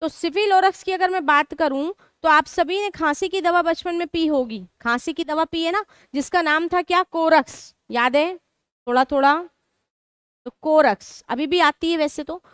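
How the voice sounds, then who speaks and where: A woman with a very high-pitched, fairly bright voice speaks at normal speed in a dry, clean studio recording. Teaching a live online exam-prep class, she mixes Hindi with English terms and poses questions to students that she then answers herself.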